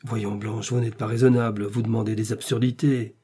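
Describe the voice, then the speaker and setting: Brief: man doing a fussy, irritable gentleman grumbling, husky tone, audiobook. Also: fairly low pitch, level tone, moderate pace. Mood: peevish. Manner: irritable, complaining. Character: reluctant male deputy, peevish and self-regarding.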